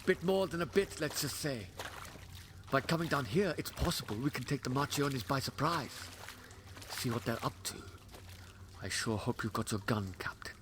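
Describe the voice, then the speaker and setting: A man's voice: medium pitch, normal speed, noisy background, natural voice. A man playing a shrewd, sardonic alien time traveller in an audio drama, with a wry, verbose, theatrical delivery. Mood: wry, watchful.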